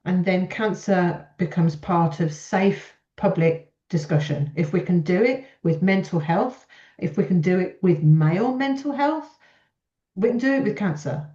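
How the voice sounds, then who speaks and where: Woman podcast host, lowish voice, echoey room, really encouraging and chatty. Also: a little slow, mellow. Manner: effusive, encouraging. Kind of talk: casual chat. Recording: echoey room, slightly dull audio.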